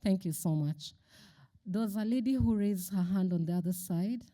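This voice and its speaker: A woman moderating a conference panel, measured and sometimes searching for words. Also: medium pitch, warm tone.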